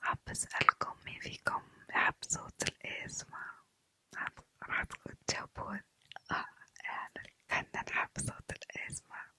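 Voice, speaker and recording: A woman chatting in a quiet, hushed late-night ASMR whisper, halting pauses. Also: poor audio. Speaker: ASMR video creator. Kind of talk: ASMR casual chat, whispered.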